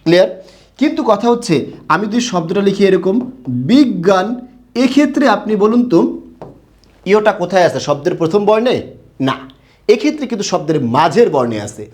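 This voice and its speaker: Young guy from bangladesh, high voice, teaching grammar, keeps quizzing the class then answers himself. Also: sing-song, a little fast, pauses often, darkish tone. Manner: asks the class questions and answers them himself. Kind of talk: grammar lesson.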